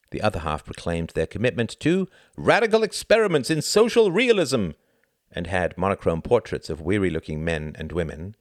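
Male audiobook narrator, very low, lively delivery, dry close sound. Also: no room sound. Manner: expressive storytelling reading. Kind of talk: scripted narration.

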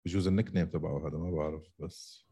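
A man with a Levantine Arabic accent chats casually about sport. His voice sits low and has a husky grain. He speaks emphatically, hammering points home by repeating them. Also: steady tone, racing, warm tone. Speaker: co-host of an MMA podcast.

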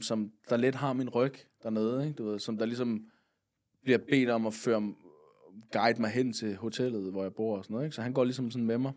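A man's voice: medium pitch, darkish tone. A man from Funen chats as a podcast guest, spinning out a long anecdote. He rambles easily, filling the gaps with little hesitations and tossing in casual curses. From Funen, Denmark. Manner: rambling, with many fillers and casual swearing. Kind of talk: casual storytelling.

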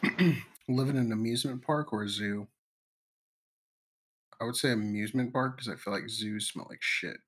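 A man's voice: mid-range voice, moderate pace, pauses often, fairly bright tone, husky. A man co-hosting a podcast in casual chat, laid-back, crude and joking. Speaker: podcast co-host.

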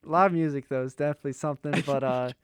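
A man's voice: fairly high pitch, fairly even intonation, fast, clean tone, dry recording, studio quality. A young American man talking in an easygoing, conversational way in a casual chat. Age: young adult.

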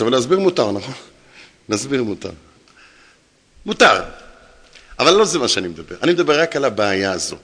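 Man, rabbi, public lecture, lively pitch, bright tone, storytelling. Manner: animated storyteller acting out quoted dialogue. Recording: long hall reverb.

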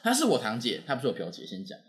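In casual chat, a young man with a Taiwanese Mandarin accent tells a story very fast in a medium-pitched voice, bringing it to life by acting out everyone's quoted words.

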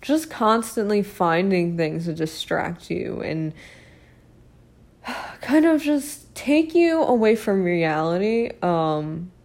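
A young woman hosting a casual solo podcast, rambling with many fillers and self-mocking laughs, her voice hoarse as she is losing it. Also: medium pitch, sing-song, slow pace, darkish tone. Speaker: podcast host.

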